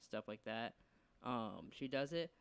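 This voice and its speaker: A man's voice: medium pitch, lively intonation, slow pace, gravelly, a bit bright, smooth. A man co-hosting a casual bedroom podcast, joking, rambling, swearing and laughing often. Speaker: podcast co-host. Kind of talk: casual chat.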